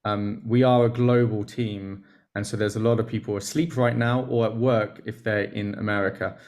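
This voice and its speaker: Low-voiced man hosting a video call. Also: level tone, normal speed, a little mellow. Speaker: host.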